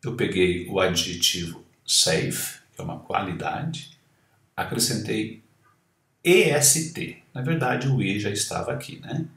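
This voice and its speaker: A man teaching English to Portuguese speakers, explaining a text slowly and saying the English words aloud again and again. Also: fairly low pitch, vocal fry, fairly bright tone, reverberant, recorded from a distance. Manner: slow, deliberate, models English words aloud and repeats them. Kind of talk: language lesson explaining a reading.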